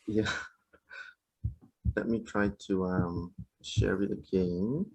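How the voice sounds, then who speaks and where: A man's voice: low voice, fairly even intonation, extremely slow, vocal fry, darkish tone, breathy edge, poor audio. A man moderating an online webinar, hesitant and apologetic, with many ums.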